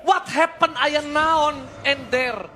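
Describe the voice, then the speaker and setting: A man with an Indonesian accent calling an esports match like an excitable game announcer, theatrical, with English catchphrases. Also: very high-pitched, slow, raised voice, noisy background. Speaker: esports shoutcaster. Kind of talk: hyped game announcer play-by-play commentary.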